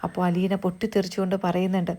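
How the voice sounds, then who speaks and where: A woman casually retelling a TV serial's plot in steady recounting with hesitant fillers. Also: on the low side, racing.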